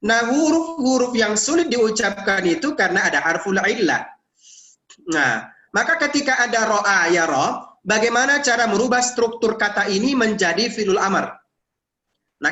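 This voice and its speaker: An Indonesian man teaching Arabic grammar in an online university lecture, lively and teasing, drilling his students with questions. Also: sits high. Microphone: video call. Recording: echoey room, dull lo-fi sound.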